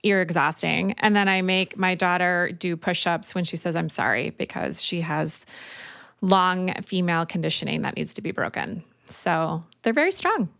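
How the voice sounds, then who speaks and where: A woman co-hosting a podcast, telling stories in casual chat with a blunt, animated manner. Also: on the low side, normal speed, vocal fry. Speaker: podcast co-host.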